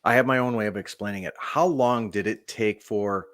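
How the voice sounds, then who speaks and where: A man's voice: lowish voice, normal speed, a bit bright, dry recording, clean studio sound. A man co-hosting an interview, asking and reflecting in a thoughtful, hesitant way. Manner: thoughtful, hesitant, searching for words. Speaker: podcast co-host.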